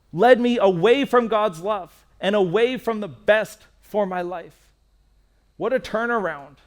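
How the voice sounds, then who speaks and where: A man, a pastor, giving a sermon in an earnest, candid way, repeating key phrases for emphasis. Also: sits high. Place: church stage.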